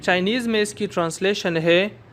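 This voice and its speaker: Man, teaching a lesson, bright clear high voice. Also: a little hiss or hum. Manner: repeats words slowly for students to echo. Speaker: language teacher. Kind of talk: recorded lesson, slow drilled pronunciation.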